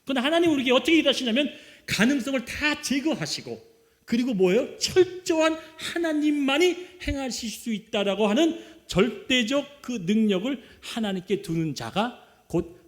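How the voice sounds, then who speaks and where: High-voiced, animated Korean pastor preaching. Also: male voice. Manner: animated preaching, rhetorical questions, call-and-response with the congregation; swings between loud exclaiming and low quiet asides. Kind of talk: sermon. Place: church sanctuary.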